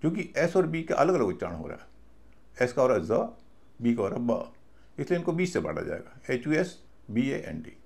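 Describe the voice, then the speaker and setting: A man teaching a video class, slow and patient, stopping to spell out each word letter by letter. His voice is gravelly and rises and falls a lot. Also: mid-range voice, sing-song, darkish tone. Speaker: English pronunciation teacher.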